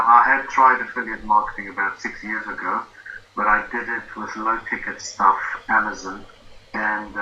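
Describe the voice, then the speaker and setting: A man in his fifties with a South African accent appears as a guest, an affiliate marketing student, in a casual interview over a video call. His lowish voice is bright and forceful, but he's hesitant, with many fillers and restarts. The call audio is lo-fi and roomy with faint noise.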